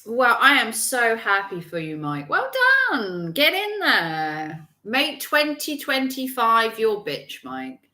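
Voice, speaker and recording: A woman's voice: fairly high pitch, big pitch swings, slow pace, bright, forceful tone, echoey room. A woman in her forties, chatting casually on a livestream and reading viewer comments, rambling with frequent restarts. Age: 40s. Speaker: livestream host.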